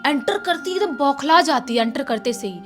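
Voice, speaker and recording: A woman tells a horror story in a casual, chatty way, circling back over her words as she goes. Her voice sits high, and soft music plays faintly underneath. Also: brisk. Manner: chatty, repetitive, animated retelling. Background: faint background music.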